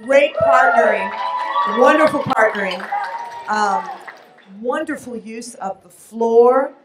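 A woman's voice: a little high, slow pace. A woman judging a dance performance at a live gala, listing compliments one after another. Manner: warm praise, listing compliments. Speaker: judge. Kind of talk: live critique. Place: ballroom at a charity dance gala. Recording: echoey hall with loud noise, mic from afar.

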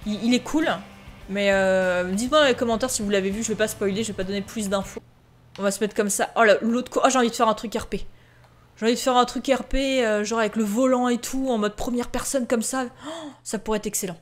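Her voice a little high and steady, this gaming video host talks fast as she comments casually on a farming game. She addresses her viewers directly and reads each game prompt aloud in let's-play fashion.

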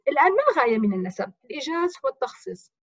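A woman's voice: sits high, sing-song, very fast, dry recording, lo-fi sound. A woman teacher with a Levantine accent, explaining grammar step by step by asking and answering her own questions in a recorded lesson. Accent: Levantine Arabic. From Jordan.

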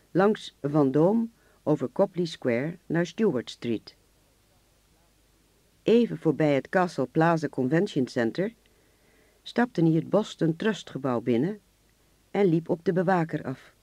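A man narrating a radio drama in a measured, even storytelling voice. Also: on the high side, no room sound.

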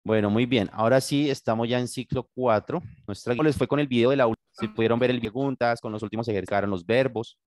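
A Colombian man teaches an English lesson over a video call, patiently guiding his students and checking in with them again and again. His voice sits at a middling pitch. The sound is close and dry, with no room around it. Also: quick pace, hardly any pauses, a little mellow, no room sound. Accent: Colombian Spanish. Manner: patient, guiding, asks "¿sí?" often. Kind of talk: online class, bilingual instruction. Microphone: computer mic on video call.

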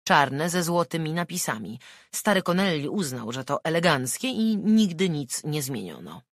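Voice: medium pitch, sing-song, normal speed, no room sound, studio quality. A narrator reading an audiobook and voicing a brusque, defiant suspect under interrogation. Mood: defensive. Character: defensive, indignant murder suspect.

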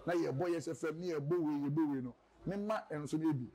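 A man's voice: on the high side, fairly quick, a crowd in the background, rough recording. A man with a Ghanaian accent, a radio presenter, telling his story in a casual interview and rambling between a local language and English.

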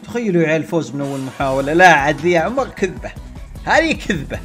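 A young man giving excitable gameplay commentary to his viewers and yelling at other players. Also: a little high, fast talker, music in the background. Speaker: gaming channel host. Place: at home playing on a console.

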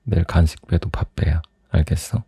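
A young man in a soft, intimate ASMR role-play as a teasing, doting boyfriend, close to the microphone. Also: sits low, fairly quick, slightly rough, no echo. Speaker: ASMR performer playing a boyfriend.

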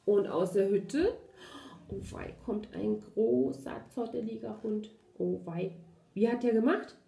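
A woman with a German accent, a kindergarten teacher reading a storybook aloud to children and asking them gentle questions. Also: medium pitch, expressive, slow, vocal fry. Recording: roomy echo.

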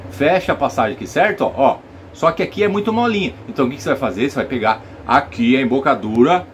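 A man's voice: fairly high pitch, slight background noise. A Brazilian man giving a casual saxophone lesson, explaining step by step and checking that viewers follow. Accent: Brazilian Portuguese. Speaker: saxophone teacher.

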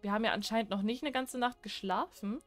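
A woman's voice: on the high side, fast, faint music behind. A young woman chatting casually while she plays a horror game, joking and talking back to what happens on screen. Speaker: let's play gamer.

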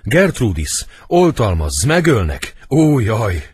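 A man's voice: lively intonation, husky. A cowardly scheming young nobleman, as a man reads him. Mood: terrified. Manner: shrill, pleading stage delivery.

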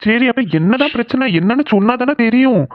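A man's voice: very high voice, brisk, slight background noise. A man playing a young boyfriend in a cartoon, soothing and pleading as he comforts his girlfriend. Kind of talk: cartoon voice acting. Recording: phone-like narrow sound.

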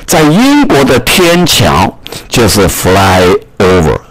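A man's voice: lowish voice, wildly swooping pitch, slow pace, no echo. A man teaching a reading lesson, explaining step by step and repeating key words. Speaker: English teacher.

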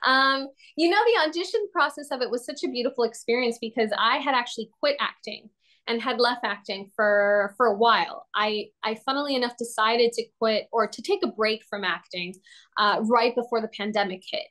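Lively young woman on a video call. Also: a little high, a little fast. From Latin America. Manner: lively, expressive, laughs often. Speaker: actor, interview guest. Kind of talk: casual video-call interview. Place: home room, indoors.

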